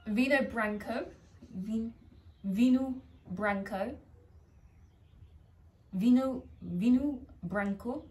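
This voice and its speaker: In a poorly recorded clip, an English vlogger speaks from her home garden in a fairly high, darkish voice, extremely slowly and with long pauses. She chats casually in British English, poking fun at herself while attempting foreign phrases.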